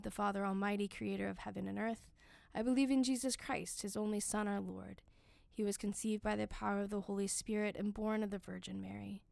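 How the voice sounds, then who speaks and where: A woman leading worship, reciting prayers and scripture in measured, solemn short phrases. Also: mid-range voice, creaky, a little mellow, dry recording. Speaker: worship leader reading the daily office. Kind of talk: liturgical prayer and scripture reading.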